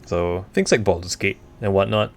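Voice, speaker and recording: A man with a deep, low voice talks casually to his live stream audience over faint background music. He answers questions hesitantly, often stopping to search for the right word before carrying on. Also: gravelly. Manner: hesitant, halting, searching for words. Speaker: streamer, VTuber.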